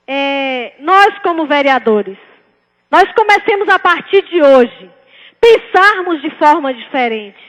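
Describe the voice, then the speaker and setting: A woman's voice: sits high, a bit bright. A woman with a Northeastern Brazilian accent from Bahia gives an impassioned political speech as a city councillor, emphatic and full of rhetorical questions and repetition. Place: indoor council chamber. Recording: reverberant council chamber hall.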